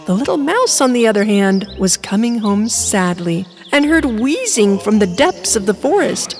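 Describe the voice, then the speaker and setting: A woman narrating a children's storybook in an expressive, sing-song manner. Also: a little high, moderate pace, faint music behind.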